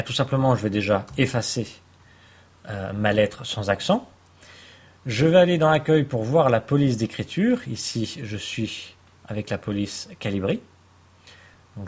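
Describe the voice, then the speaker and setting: A man calmly explaining a software tutorial step by step, with the occasional hesitation, over a screen recording. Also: mid-range voice, slightly rough. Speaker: computer tutor.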